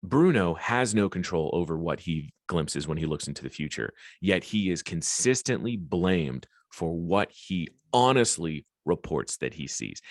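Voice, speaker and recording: A man's voice: sits low, creaky, no echo, studio quality. A man hosting a solo podcast, talking earnestly and encouragingly in a reflective monologue and swearing casually now and then. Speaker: podcast host.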